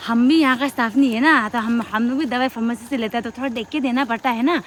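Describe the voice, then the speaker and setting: An irritated clinic nurse who answers curtly and defends herself, as a woman puts her on. The voice is pitched a little high. Loud street and traffic noise fills the outdoor recording. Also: fast talker, natural voice. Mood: defensive. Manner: curt, defensive.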